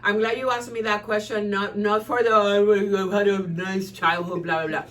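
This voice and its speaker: A middle-aged woman from Rico, chatting as an interview guest in an animated way, with many restarts and fillers. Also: medium pitch, moderate pace, distant mic. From Puerto Rico. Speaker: guest, marketing and PR entrepreneur. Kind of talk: casual interview chat.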